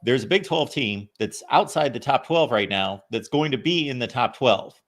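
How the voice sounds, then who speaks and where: Speaking at a normal pace with an expressive, medium-pitched voice, this college football call-in host explains things step by step. His analysis is conversational and matter-of-fact.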